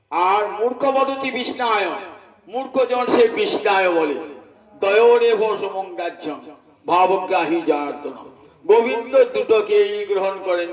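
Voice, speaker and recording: A male preacher gives a devotional discourse, moving between chanted scripture and storytelling. His voice sits high. The recording is roomy and muffled. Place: temple hall. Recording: echoey, distant, dull hall recording.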